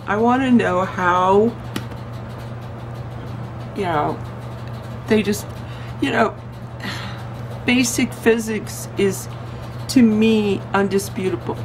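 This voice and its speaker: A woman vlogger chatting in a rambling, digressive way, her voice going hoarse as she loses it. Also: medium pitch, slow pace, long pauses, over music, low-quality recording. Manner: chatty, digressive, self-interrupting. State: losing her voice. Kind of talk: casual rambling vlog chat.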